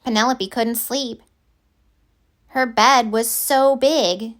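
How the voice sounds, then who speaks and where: Pitched fairly high, a woman's voice carries a children's picture book read aloud with expressive, deliberate storytelling.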